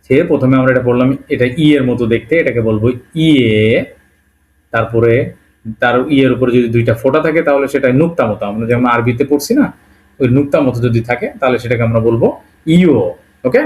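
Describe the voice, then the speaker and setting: A man's voice: medium pitch, a little mellow. Patient man teaching letter sounds. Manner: repeats sounds slowly and checks understanding with "okay?"; mixes English words into his explanations. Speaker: language teacher. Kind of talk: Bengali-language alphabet lesson.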